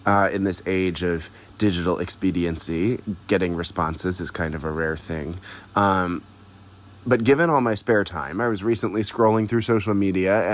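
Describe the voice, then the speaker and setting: A man leaving an earnest, reflective voicemail for a podcast as a listener. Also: low-pitched.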